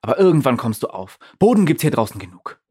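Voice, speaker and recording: A man's voice: medium pitch, very animated, fast talker, darkish tone, husky. A man voicing a furious, towering female spirit who talks down to the hero with blunt, swearing scorn. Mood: angry scorn.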